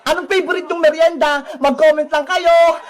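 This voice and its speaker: Performer doing a teasing street vendor, super high squeaky voice, yells a lot, comedy skit. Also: steady tone, normal speed, crowd noise. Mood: cheerful. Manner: shouting, laughing, playful. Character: cheeky street vendor Boyong, stubborn and teasing.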